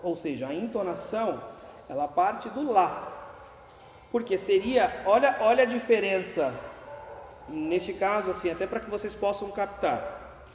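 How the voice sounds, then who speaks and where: A man's voice: high-pitched, expressive, measured pace. A man teaching a music class, patiently explaining dynamics while counting beats and singing note names. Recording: echoey classroom with long reverb, faint room noise.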